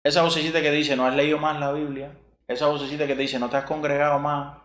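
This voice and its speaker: A man's voice: on the high side, flat delivery, fast talker, fairly bright tone. A man, possibly, preaching a sermon, asking rhetorical questions and repeating verses. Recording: echoey room.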